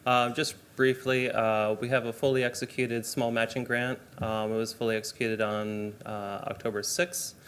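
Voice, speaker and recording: A man on city staff giving a brief report at a board meeting, pausing often with ums. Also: medium pitch, level tone, fairly bright tone, a little hiss or hum. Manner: hesitant, many ums. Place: city council chamber.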